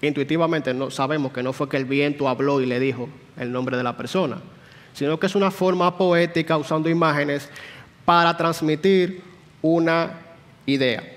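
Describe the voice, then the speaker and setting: A man's voice: on the high side, steady tone, normal speed. A man teaching a Sunday school class in a church, explaining patiently and putting questions to the room. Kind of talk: church Bible class lecture. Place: church hall. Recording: long hall reverb.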